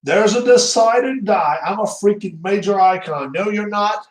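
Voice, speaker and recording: A man's voice: sits high, moderate pace. Rambling, jokey man in an echoey room. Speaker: channel host. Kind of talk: casual live-stream chat. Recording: roomy echo.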